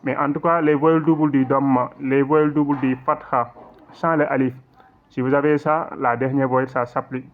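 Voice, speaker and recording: A man's voice: medium pitch, fairly even intonation, a little hiss or hum. Man teaching recitation over a tinny line. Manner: patient, repetitive explaining with frequent check-ins; slow drawn-out recitation in demonstrations. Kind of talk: online lesson explaining recitation rules. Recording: tinny phone-like audio.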